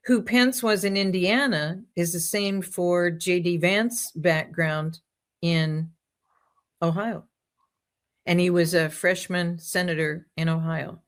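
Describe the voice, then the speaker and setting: A woman's voice: on the low side, fairly even intonation, slow. A woman guest in casual talk-show conversation, telling rambling stories with jokes and asides.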